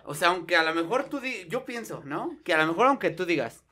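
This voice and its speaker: A man's voice: sits high, sing-song, fairly quick, bright, forceful tone. A man with a Mexican Spanish accent, a laid-back, slangy podcast host in casual chat.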